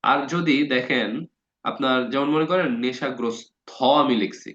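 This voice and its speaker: A man teaching a grammar lesson in a relaxed, conversational way, his voice sitting at an ordinary middle pitch. He keeps checking in with his listeners and drags out words slowly to show their spelling. The recording sounds dull and lo-fi. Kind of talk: casual spoken lesson.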